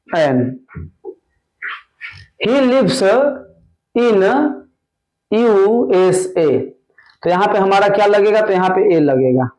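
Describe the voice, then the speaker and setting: A man teaching an exam-prep grammar lesson, going slowly and repeating each answer word by word. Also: high voice, a little mellow, poor audio. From India. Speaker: English teacher.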